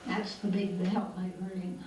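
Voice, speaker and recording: An older woman reminisces casually and slowly, naming people as she goes. She is recorded far from the mic in a very echoey room, with loud noise around her. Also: fairly low pitch, little pitch movement. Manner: unhurried, pointing people out by name. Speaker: family member narrating old home movie.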